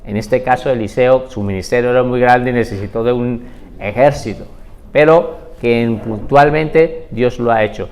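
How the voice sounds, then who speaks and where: A man teaching a Bible class, retelling stories in a lively way and asking the class rhetorical questions. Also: mid-range voice, normal speed, slight background noise. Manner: animated storytelling with rhetorical questions.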